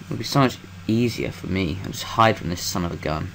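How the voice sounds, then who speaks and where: A man's voice: deep voice, a little fast, vocal fry, fairly bright tone, a little hiss or hum. A young man gives let's-play commentary, rambling to himself as he plays and swearing freely. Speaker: gameplay commentator.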